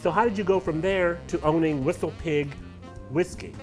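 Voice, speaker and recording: A man's voice: on the high side, moderate pace, faint music behind. A man hosting a casual interview, joking and teasing his guest, laughing often. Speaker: interviewer host. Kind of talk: casual chat.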